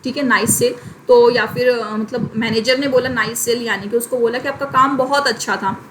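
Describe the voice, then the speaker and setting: A young woman teaching a class, explaining in Hindi, reading English passages slowly and checking in often with "theek hai". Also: a little high, fairly even intonation, a bit bright, slight background noise, low-quality recording. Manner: frequent "ठीक है" check-ins. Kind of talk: online class lecture.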